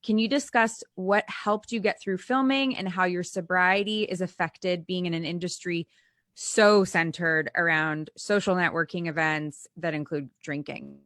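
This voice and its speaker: A woman's voice: on the low side, steady tone, a little slow, a bit bright, no echo, clean studio sound. Upbeat woman moderating a panel. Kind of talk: hosting an online panel.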